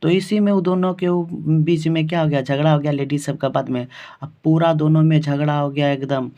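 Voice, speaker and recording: A man's voice: fairly high pitch, steady tone, fairly quick, warm tone. A male teacher with a Bihari Hindi accent giving an exam-focused lesson, repeating questions and answers for the class. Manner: repetitive, quizzing the class. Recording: dull lo-fi recording.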